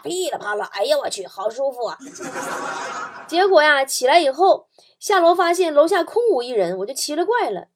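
A woman hosting a comedy talk show, reading out funny stories from listeners in a lively storytelling manner and laughing at her own jokes. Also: high voice.

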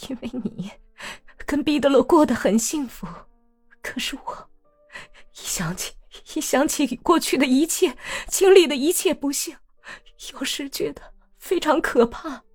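A woman's voice: on the high side, expressive, moderate pace, soft background music, pitched above the performer's own voice. A woman voicing a hurt young wife who speaks in a subdued, cold, strained way in an audiobook.

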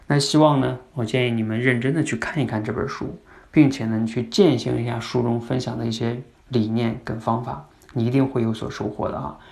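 A man with a gravelly, creaky voice hosts a podcast that teaches communication. He explains things conversationally and keeps asking his listeners questions, at a medium pitch. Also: steady tone, fairly quick, a little mellow.

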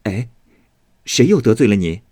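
A man voicing a proud, sharp-tongued young noblewoman who speaks scornfully and defiantly. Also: on the low side, sing-song, moderate pace, husky, no echo, clean studio sound.

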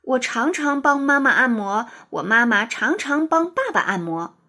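A woman puts on an eager little schoolboy for a children's storybook. The voice sits high and jumps around a lot, bouncy and quick like a small child's. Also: very animated, fairly bright tone, breathy edge, full character voice. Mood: proud. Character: young boy pupil, eager and cheerful.

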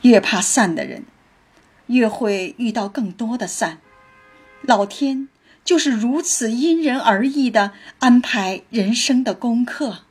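A woman telling a story with reflective commentary, in a slow, thoughtful manner. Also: fairly high pitch, lively intonation, a little mellow, husky.

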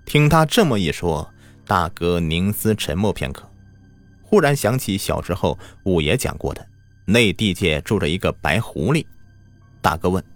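A man telling a spoken folk tale, narrating in an expressive, dramatic way. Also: low voice, moderate pace, faint music behind. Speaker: storyteller.

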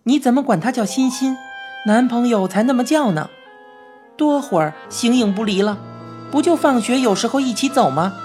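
A woman voicing a frank, lively boy who has turned into a mouse, in a Beijing-tinged storybook reading, chatty and quick to complain. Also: a little high, soft background music, voice pushed up, lightly acted. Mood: indignant. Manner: indignant, chatty, rapid complaints. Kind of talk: storybook narration.

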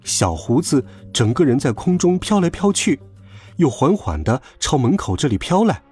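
A man narrating a children's story with a lively, expressive reading. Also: mid-range voice, moderate pace, slightly rough, faint music behind.

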